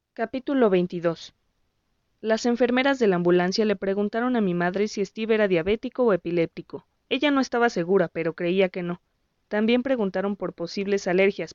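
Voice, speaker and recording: A woman narrating a story in the first person with an even, measured reading. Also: mid-range voice, clean tone, no echo, dull audio. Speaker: audiobook narrator.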